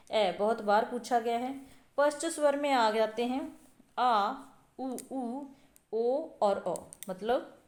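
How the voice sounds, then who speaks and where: Her voice is on the high side and slightly mellow, echoing in a reverberant space. This woman leads an exam-prep lesson step by step, voicing vowels aloud, repeating sounds, and filling her explanations with many fillers.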